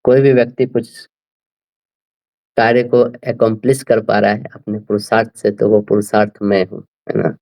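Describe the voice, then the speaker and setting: A man explaining scripture to a class, slowly working through speech sounds and often asking his listeners whether they follow. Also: on the low side, flat delivery, darkish tone, rough recording. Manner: slow, repeats "right?" often, spells out sounds. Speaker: scripture teacher.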